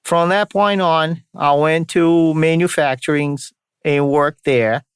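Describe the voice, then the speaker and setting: A man's voice: fairly high pitch, fairly even intonation, slow, clear, resonant tone, no room sound, clean studio sound. A man from Brazil, a native Portuguese speaker, hosts an informal solo podcast in a mixed Brazilian and Boston accent, dropping his r's. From São Paulo state, Brazil. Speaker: podcast host.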